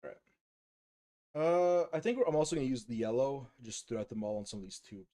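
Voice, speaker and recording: This fairly quick, mid-range male voice belongs to a U.S. man raised on Polish, whose slight Polish accent comes through as he paints miniatures live. He rambles casually and relaxedly, with lots of fillers and restarts.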